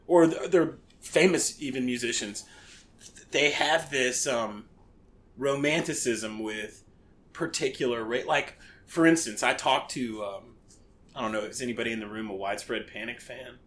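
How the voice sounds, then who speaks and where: A man's voice: medium pitch, moderate pace, fairly bright tone. A man, musing about music in a casual podcast chat and often trailing off mid-thought. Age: 40s.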